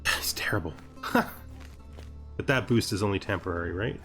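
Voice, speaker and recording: A gaming series host with a low, slightly bright voice talks at a normal speed over background music. His casual video game commentary has him thinking aloud, asking rhetorical questions, tossing in exasperated asides and sometimes reading game text out loud.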